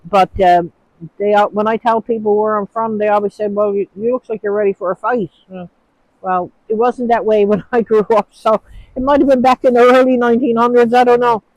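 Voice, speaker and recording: A Newfoundland woman with a local English accent talks casually into her phone outside in falling snow, answering viewers' questions with plenty of rambling and hesitation. Her somewhat high, darkish voice holds a steady tone at a slightly fast pace, with no echo but poor audio.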